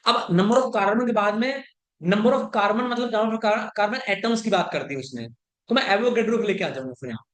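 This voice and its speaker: A male chemistry teacher with a high, animated voice delivers a classroom lecture. He keeps asking if his students understand, peppers his talk with English terms, and slows to dictate before speeding up for explanations.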